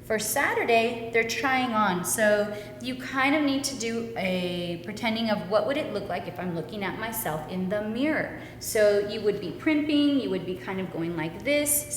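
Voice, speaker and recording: A woman's voice: medium pitch, slight background noise. A woman giving an instructional demonstration of children's songs, explaining each step aloud as a teacher training other instructors. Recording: echoey hall, loud music behind. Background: loud music.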